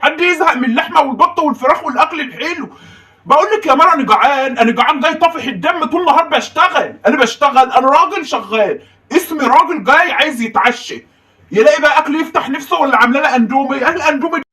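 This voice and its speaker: A woman voicing a hungry, hot-tempered working husband in a comedy sketch, with an Egyptian accent, ranting and shouting complaints. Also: high voice, expressive, very fast, distant mic, voice pushed down. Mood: angry.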